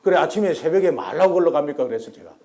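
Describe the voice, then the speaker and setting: A man's voice: fairly high pitch, animated, very fast, dark tone. A middle-aged man from Korea preaching a sermon as pastor, telling a story and acting out the voices of the people in it.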